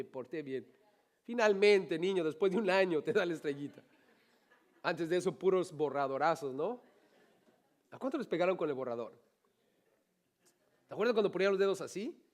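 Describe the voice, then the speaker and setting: In a spirited sermon, this pastor keeps putting rhetorical questions to his congregation and tossing in jokey, playful remarks. For a man, his voice runs a little high.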